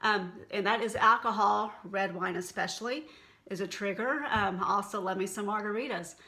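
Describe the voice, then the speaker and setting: A middle-aged wellness blogger from Texas, with a Texan accent, talks candidly and casually to camera in an unscripted monologue, chatty and folksy. Her medium-pitched voice is pushed and bright at a moderate pace.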